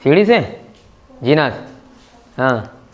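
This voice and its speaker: Hoarse schoolteacher man scolding his class. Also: a little high, big pitch swings, highs cut off. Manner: brisk, scolding yet encouraging, often checking understanding. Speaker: teacher. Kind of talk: classroom grammar lesson.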